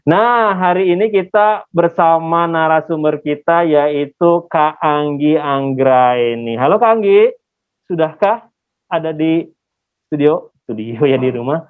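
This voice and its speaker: A man's voice: on the high side, a little slow, clear, resonant tone. A man speaks through a face mask. He hosts an online class casually and chattily, often checking with listeners. The sound is narrow and phone-like, as on a muffled call. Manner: chatty, repeatedly asking for confirmation. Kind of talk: casual, interactive webinar hosting. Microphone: video call.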